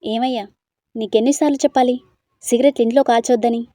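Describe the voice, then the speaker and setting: A feisty young woman in a storybook who scolds and teases, voiced by a woman reader. Her voice is warm and mellow, recorded close and dry. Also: fairly high pitch, brisk, no room sound, natural voice. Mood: scolding. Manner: sharp, scolding and teasing.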